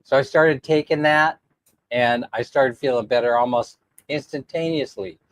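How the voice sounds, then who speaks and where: A man's voice: mid-range voice, fairly even intonation, normal speed, no room sound. A man hosting a casual livestream in a throaty, congested voice, sounding sick with a sore throat, with a jokey, self-deprecating way of talking. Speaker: livestream host.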